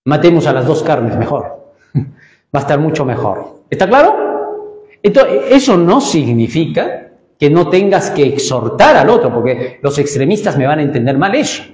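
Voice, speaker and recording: A man preaching a sermon with emphatic swings in pitch and loudness, asking rhetorical questions. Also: big pitch swings, moderate pace. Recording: echoey church hall reverb.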